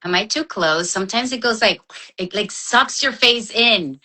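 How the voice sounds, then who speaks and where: A woman from the Dominican Republic in her forties, a guest entrepreneur chatting casually on a video call and telling her story with lively quoted asides. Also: mid-range voice, moderate pace, low-quality recording. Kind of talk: casual interview chat.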